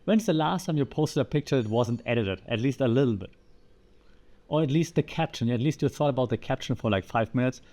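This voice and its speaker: A man hosting a podcast, explaining ideas in a lively way and asking the listener rhetorical questions. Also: medium pitch, a little fast. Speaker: podcast host.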